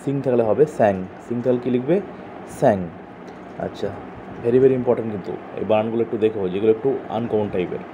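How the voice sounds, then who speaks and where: A man's voice: lowish voice, a little fast. A male tutor giving an online coaching lesson, drilling verbs by asking and answering and spelling words out letter by letter. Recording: tinny phone-like sound, faint noise.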